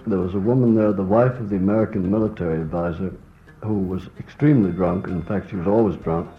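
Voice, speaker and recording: A man on old worn tape telling an anecdote in a wry, unhurried way with small asides. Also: low-pitched. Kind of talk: recounting an anecdote. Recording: dull lo-fi old tape with faint music.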